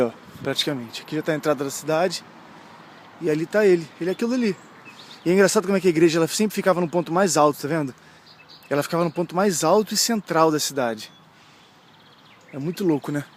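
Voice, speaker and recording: A man's voice: a little high, slight background noise. A young man from Brazil, chatting casually and slangily while walking outdoors as a travel vlogger, easily amazed. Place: outdoors on a town street.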